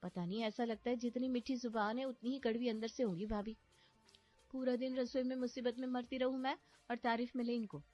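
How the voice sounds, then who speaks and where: A woman's voice: fairly high pitch, fairly even intonation, a little fast, mellow, lo-fi sound, soft background music, natural voice. A woman voicing a frustrated younger daughter-in-law who complains plaintively. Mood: bitter.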